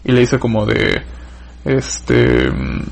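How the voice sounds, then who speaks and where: A man's voice: lowish voice, big pitch swings, slow, vocal fry, slightly rough. A man with a Mexican accent hosting a casual chat, rambling as he retells a creepy story in detail.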